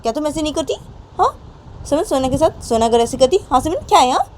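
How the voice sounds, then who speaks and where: A woman's voice: sits high, brisk, a little mellow, a little hiss or hum, lightly acted. A woman voicing a stern, angry mother who scolds her daughter, repeating her questions. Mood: scolding.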